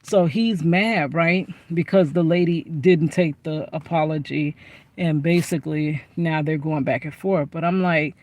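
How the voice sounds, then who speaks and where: A woman's voice: sits low, unhurried, a little mellow. A woman chatting animatedly to camera from inside her car, telling a story with lots of asides. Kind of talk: casual storytime.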